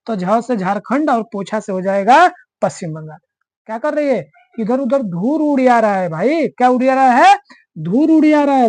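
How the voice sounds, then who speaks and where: A woman's voice: on the high side, mellow, dry recording. A woman teaching map mnemonics, who keeps asking the class questions and answering them herself. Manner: drills answers by repeating them.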